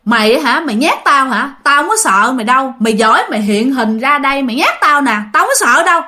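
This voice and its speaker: A woman doing a gruff, stubborn village uncle. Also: high-pitched, animated, quick pace, bright, forceful tone. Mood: defiant. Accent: Southern Vietnamese. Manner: gruff, defiant. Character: stubborn, fearless older village man.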